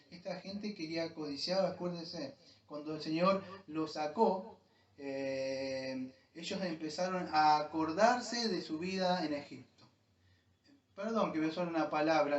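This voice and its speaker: A man preaching a sermon as a pastor, often calling his listeners "amados" and breaking off to restart his sentences. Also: on the high side. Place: church hall. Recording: echoey, distant, dull church recording.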